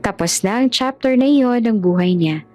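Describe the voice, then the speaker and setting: A woman telling a romance story as scripted narration, steady and even. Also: on the high side, normal speed, faint music behind.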